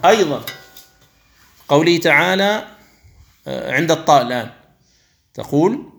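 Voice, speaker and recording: A man teaching Quran recitation. He explains each rule slowly and carefully, then stretches the examples out into chanted recitation, and sometimes contrasts a wrong reading with the right one. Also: on the high side, animated, gravelly, a bit bright.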